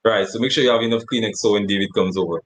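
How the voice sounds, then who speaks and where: A man's voice: on the low side, rapid-fire, low-quality recording. A man co-hosting a casual chat show, rambling and laughing often as he talks. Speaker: co-host.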